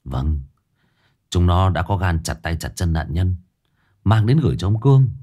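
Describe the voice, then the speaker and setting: Calm firm male character, quiet low delivery; read by the narrator. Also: moderate pace.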